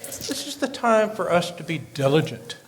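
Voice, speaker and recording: A man's voice: fairly high pitch, big pitch swings, normal speed, slight background noise. A man playing a fussy, flustered old-time merchant. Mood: pompous. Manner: stiffly formal, dramatic and flustered, stammering. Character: fussy, formal small-town male merchant, easily flustered. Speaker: store owner Mister Barnum. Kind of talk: community theater stage acting. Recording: live stage audio in an echoing hall.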